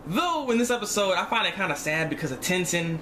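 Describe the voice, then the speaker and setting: A man reviews an episode of an animated series for viewers, chatting casually in slang, repeating himself often, and acting out his reactions. His voice sits high with big pitch swings, he talks fast, and a crowd can be heard in the background.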